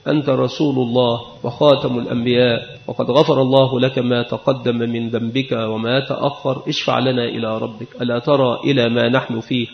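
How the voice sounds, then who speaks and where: A man teaching a religious lesson, explaining a text in a measured, explanatory way. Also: mid-range voice, vocal fry. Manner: measured, explanatory, recites quoted speech. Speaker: Islamic scholar teaching. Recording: echoey, dull lo-fi recording.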